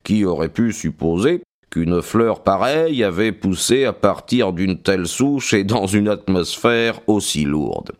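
A man narrating a detective story as an audiobook, in an expressive, measured storytelling manner. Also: deep voice. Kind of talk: dramatic audiobook reading.

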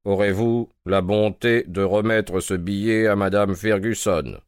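A man voicing a brisk, self-assured detective in an audiobook, speaking in a measured way. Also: fairly low pitch, smooth, no echo, studio quality, voice pushed up, lightly acted. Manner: measured, confident explaining. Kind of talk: audiobook character reading.

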